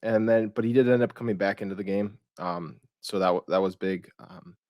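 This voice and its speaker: A man's voice: lowish voice, steady tone, brisk, no room sound, highs cut off. A man co-hosting a sports podcast, laid-back and hesitant, with frequent fillers. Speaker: podcast co-host. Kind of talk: casual sports talk.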